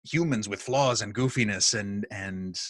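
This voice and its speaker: A man's voice: fairly low pitch, unhurried, fairly bright tone, no echo. A man who narrates audiobooks, talking casually on a video call, self-deprecating and full of restarts. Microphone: studio microphone.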